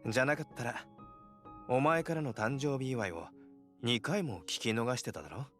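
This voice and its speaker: An actor playing a tender young man who acts as a protective older brother, speaking gently and affectionately in a game scene. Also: medium pitch, lively intonation, fast talker, faint music behind, lightly acted. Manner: gentle, affectionate, quietly teasing. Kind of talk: game voice acting.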